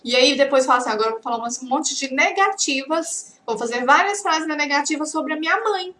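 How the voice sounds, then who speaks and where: A Brazilian Portuguese woman teaching English, drilling example phrases slowly and often checking that her students are following. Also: high-pitched, lively intonation, pushed and bright. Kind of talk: online language lesson. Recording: echoey room.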